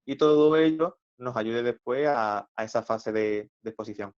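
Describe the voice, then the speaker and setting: A man's voice: mid-range voice, moderate pace, a little mellow, clean tone, lo-fi sound. A man, an expert guest on a remote interview whose call audio keeps breaking up as he checks whether he can be heard. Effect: choppy, breaking-up call audio. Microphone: video call.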